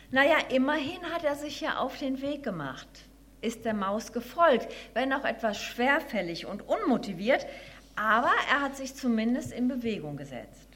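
A woman tells a children's animal story in a gentle, expressive way, then turns it into a brief devotional reflection. Her voice sits somewhat high for a woman.

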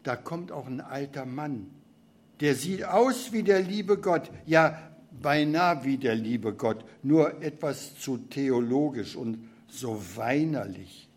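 A man's voice: mid-range voice, lively intonation, takes it slowly, a little mellow. A man preaching a reflective sermon, reading scripture and drama aloud.

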